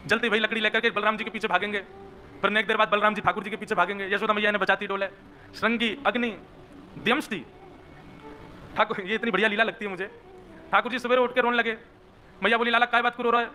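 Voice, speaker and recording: A man telling a devotional story as a sermon, animated and folksy, with acted voices. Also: high-pitched, fast, a little hiss or hum. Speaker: devotional preacher.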